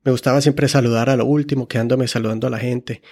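A man's voice: medium pitch, steady tone, fast, a little mellow. A man preaching a sermon, earnestly telling stories and correcting himself as he goes. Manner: earnest, often acts out quoted dialogue; frequent restarts and self-corrections. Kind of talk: sermon with personal storytelling.

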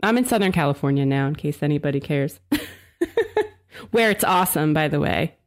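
A woman's voice: sits low, very animated, moderate pace. A woman from South New Jersey, chatting casually in an interview with lots of fillers and laughter. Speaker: design blog founder, podcast co-host.

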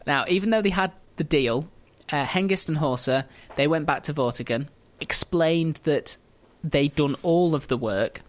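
Man, casual history storytelling, higher pitch, jokey. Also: moderate pace, hardly any pauses. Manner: chatty, jokey, laughs often. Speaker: podcast host telling history.

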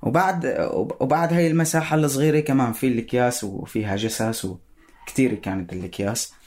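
A man with a Syrian Arabic accent giving personal spoken testimony in a halting way, searching for words. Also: medium pitch, darkish tone.

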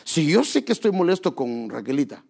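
A man's voice: on the high side, very animated, brisk, vocal fry, darkish tone. A man preaching a sermon, earnestly exhorting his congregation and asking them rhetorical questions.

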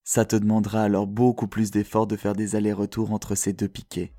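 Calm French man hosting a podcast. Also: on the low side, brisk, no room sound, studio quality, soft background music. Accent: France French. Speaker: podcast host. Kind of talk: scripted podcast narration.

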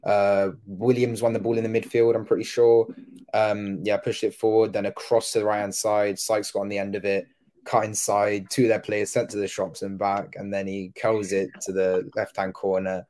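Low, flat-voiced male podcast co-host. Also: normal speed. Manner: rambling, many "um" and "yeah" fillers. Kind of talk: casual match review chat.

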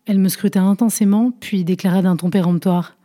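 A woman reading an excerpt from a novel aloud in a slow, measured way. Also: mid-range voice, steady tone, mellow. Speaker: reader.

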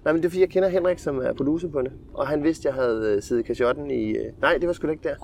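A man in his thirties co-hosting a podcast. His voice sits a little higher than most men's, and he tells odd stories in a dry, offhand way. His delivery stays easygoing. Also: gravelly, darkish tone, slight background noise. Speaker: podcast co-host. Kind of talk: casual chat.

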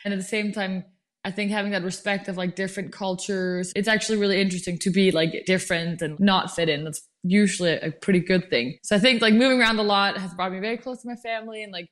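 A woman's voice: medium pitch, fairly even intonation, fast. A young woman from Denmark, a biotech startup founder, chatting casually as a podcast guest and filling her talk with "like". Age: young adult. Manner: chatty, heavy use of "like" fillers. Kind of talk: casual interview chat.

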